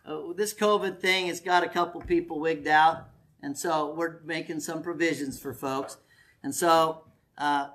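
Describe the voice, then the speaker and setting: A man with a fairly high, somewhat bright voice, a pastor leading a family camp, preaches and gives camp announcements to a congregation in a meeting hall. Folksy and joking, he coaxes the crowd to volunteer.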